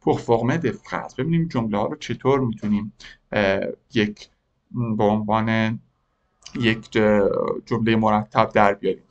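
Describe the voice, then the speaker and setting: A man teaching a French lesson, who repeats French phrases slowly word by word and asks his learners questions as he explains. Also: fairly low pitch, steady tone, dull audio. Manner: addresses learners directly with questions. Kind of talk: language lesson.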